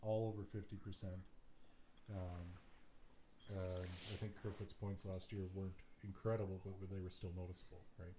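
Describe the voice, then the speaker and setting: A man with a slightly low voice talks hockey in a relaxed, opinionated way, dotting his points with fillers. He sits in an echoey room, and a steady background noise runs under his voice. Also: normal speed. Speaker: podcast co-host. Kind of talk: casual sports chat.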